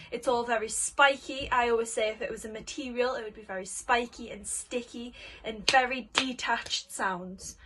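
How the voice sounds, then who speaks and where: High-voiced woman teaching singing warm-ups. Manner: encouraging, simple step-by-step explaining for children. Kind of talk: warm-up lesson, spoken instructions to camera.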